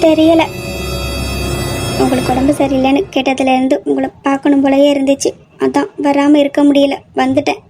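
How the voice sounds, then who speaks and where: A woman's voice: high voice, flat delivery, fairly quick, over music. A young woman voicing a sensitive, stubborn young woman in love in an audio drama, talking in a pouting, emotional way. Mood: sulky. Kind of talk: amateur audio drama acting.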